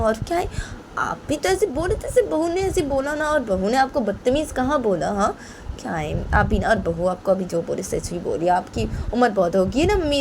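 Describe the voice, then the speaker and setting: A woman voicing a calm middle-aged mother who reasons gently and quietly. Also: mid-range voice, creaky, background noise, pitched above the performer's own voice.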